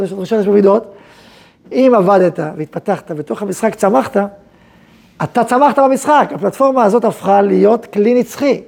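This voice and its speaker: A rabbi who heads a yeshiva, giving an animated, conversational lecture to students in which he asks questions and answers them himself. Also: sits high, gravelly, husky.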